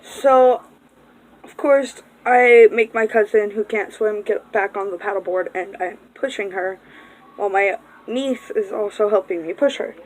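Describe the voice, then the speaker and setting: A woman's voice: medium pitch, unhurried, a little mellow, poor audio. A young woman vlogger telling a rambling, casual story, swearing freely and breaking off for distracted asides.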